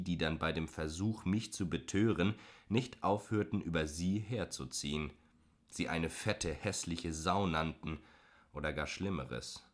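A man reading a first-person novel aloud in a measured storytelling voice. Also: low voice. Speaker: audiobook narrator. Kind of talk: scripted first-person narration.

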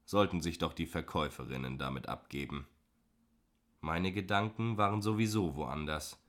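A man reading a first-person novel aloud in a measured storytelling voice. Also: a bass voice, fairly bright tone. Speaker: audiobook narrator. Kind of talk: scripted first-person narration.

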